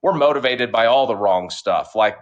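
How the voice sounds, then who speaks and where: An entrepreneur from Oklahoma, guesting on a podcast, tells his background story in an easygoing, conversational interview with a light drawl, stretching words and leaning on fillers. His mid-range voice is animated at a moderate pace, though the recording sounds muffled.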